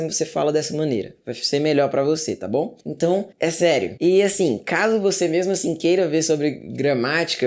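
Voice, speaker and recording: Brazilian video teacher, casual and reassuring, drills examples slowly. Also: medium pitch, darkish tone. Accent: Brazilian Portuguese. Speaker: English teacher.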